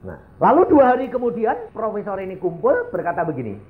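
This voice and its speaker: A man's voice: high-pitched, a little fast, reverberant, narrow, tinny audio. A male evangelist tells a story in a sermon, acting out each of its characters. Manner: animated, acts out the characters in his story.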